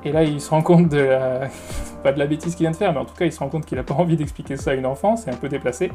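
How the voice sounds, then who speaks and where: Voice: medium pitch, fast, warm tone. Patient teacher explaining over music. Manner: patient, explains step by step and repeats words. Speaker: English teacher. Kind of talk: explaining English phrases in French.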